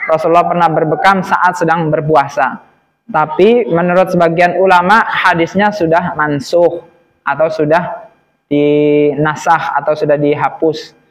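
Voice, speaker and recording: A man's voice: on the high side, big-room sound, low-quality recording. A male preacher giving a sermon, explaining points step by step and reciting Arabic hadith. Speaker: Islamic preacher.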